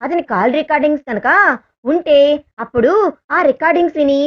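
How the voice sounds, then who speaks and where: A woman's voice: high voice, fairly quick, natural voice. A woman voicing a pouting, playful young woman in a romantic audio story, in a slightly dull recording. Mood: curious. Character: young woman, sulky, lively girlfriend.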